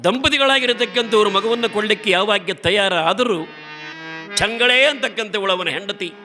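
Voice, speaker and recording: A man's voice: high voice, normal speed. A man giving a devotional storytelling discourse in a rhythmic, dramatic narration. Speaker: religious storyteller. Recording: accordion music behind the voice.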